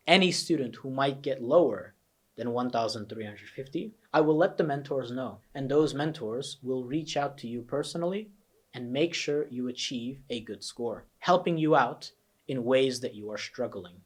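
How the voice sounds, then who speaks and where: Pitching his course, a young man with an American accent coaches test-takers through it with earnest, emphatic persuasion. He has a husky voice of medium pitch.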